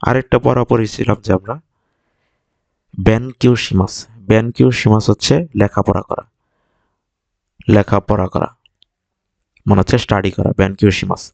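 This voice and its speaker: A man with a fairly low voice teaches vocabulary, saying each word and its meaning again and again to help learners remember. His first language is Bengali, and the recording is dry and close, with no room sound. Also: level tone, vocal fry, darkish tone, no room sound. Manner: patient, repeats each word slowly. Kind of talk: vocabulary lesson, explaining words.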